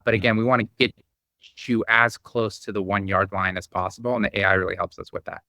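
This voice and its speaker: A man's voice: on the low side, steady tone, fast, sharp tone, dry recording. A man from the Bosnia and Croatia area, a startup founder talking energetically in a podcast interview.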